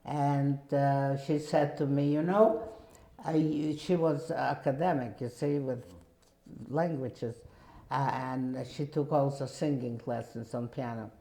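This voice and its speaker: A woman in her eighties from Poland, with a Polish accent, telling her life story in a halting, emphatic way with many restarts. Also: extremely low pitch, fairly even intonation, mellow, echoey room. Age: 80s. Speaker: guest speaker. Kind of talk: personal testimony.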